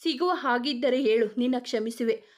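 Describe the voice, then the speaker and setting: A woman's voice: a little high, normal speed, lightly acted. A woman voicing the vengeful ghost of a murdered young woman, mocking her victim in a horror story. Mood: taunting. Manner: taunting, mocking.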